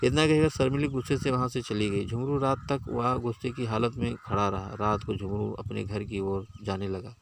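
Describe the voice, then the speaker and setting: Low-voiced man narrating a story. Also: steady tone, moderate pace, creaky, hardly any pauses, slight background noise.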